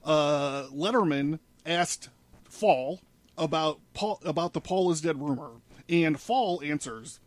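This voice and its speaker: A man in casual studio talk presents a case, laying out a conspiracy theory in an informal, rambling and sweary way. His voice sits on the high side and he speaks slowly. The recording is dry.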